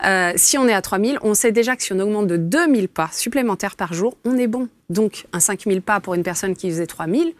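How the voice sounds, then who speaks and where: A woman in her forties, a dietitian, explaining in a lively way with frequent hesitations and fillers in a casual interview. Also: medium pitch, fast, few pauses. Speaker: dietitian guest.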